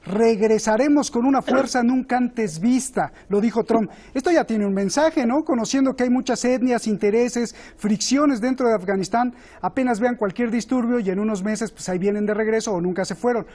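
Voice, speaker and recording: A man's voice: very high voice, a little fast, hardly any pauses, a little mellow. A man hosting a political talk show, putting probing rhetorical questions to his guests. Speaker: host.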